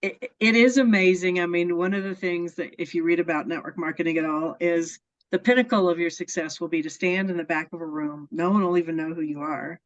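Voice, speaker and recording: A woman's voice: lowish voice, fairly quick. Earnest woman guest on a dull recording. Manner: earnest, enthusiastic, laughs often. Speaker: interview guest. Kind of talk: casual storytelling interview. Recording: dull lo-fi sound.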